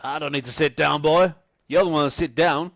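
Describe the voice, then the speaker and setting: A man voicing a loud drunken male brawler in a tabletop game, booming out insulting taunts. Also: racing, dry recording, lightly acted. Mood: bullying. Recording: dull lo-fi mic.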